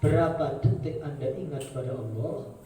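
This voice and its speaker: A man's voice: mid-range voice, moderate pace, dark tone, distant mic, a little hiss or hum. A man preaching a sermon, telling stories dramatically, chanting Arabic phrases and voicing the characters. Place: mosque or prayer hall. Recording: very echoey room, voice from afar.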